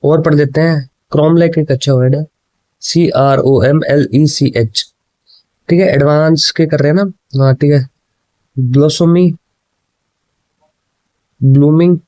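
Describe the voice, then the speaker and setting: Hindi-exam teacher, man, mellow voice. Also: on the high side, steady tone, measured pace, long pauses, dry recording, rough recording. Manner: mixes Hindi and English, repeats answers, keeps asking "ठीक है?". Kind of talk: explaining exam questions.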